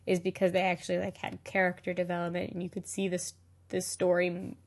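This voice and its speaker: A woman's voice: fairly low pitch, completely flat delivery, quick pace, vocal fry. Woman cohost rambling along, lots of likes and ums, laughs easy, casual podcast chat. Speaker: podcast co-host.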